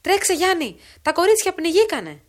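A woman voicing a shrewd, scheming old village woman who talks loudly and frantically in a dramatic audiobook reading. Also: sits high, lively intonation, voice pushed up. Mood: shouting. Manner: shouting, frantic and loud.

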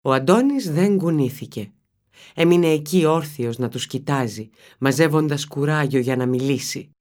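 A narrator reading a children's novel aloud in an expressive storytelling manner. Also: mid-range voice. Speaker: audiobook narrator.

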